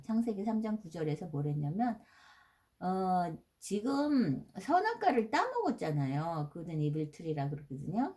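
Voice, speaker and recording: Mellow-voiced woman teaching Bible class. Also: fairly low pitch. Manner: conversational, asks rhetorical questions, mixes in English words. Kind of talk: casual Bible lecture.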